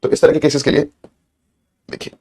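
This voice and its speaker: A man's voice: brisk, darkish tone. A man teaching an English grammar lesson, repeating points and asking students questions. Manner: repetitive, asks students questions, stretches words when dictating. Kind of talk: exam-prep grammar lesson.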